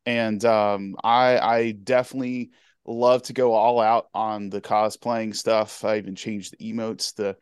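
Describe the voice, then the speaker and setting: A man in his twenties, guest in a casual interview, talking in an easygoing, halting way. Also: fairly low pitch, level tone, clean tone, dry recording, clean studio sound. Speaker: guest Twitch streamer and cosplayer.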